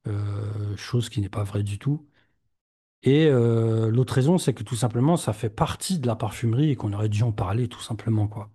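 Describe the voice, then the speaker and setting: A man hosting a podcast in casual chat, relaxed and hesitant, with many fillers. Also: on the low side, normal speed, breathy edge. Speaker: podcast host.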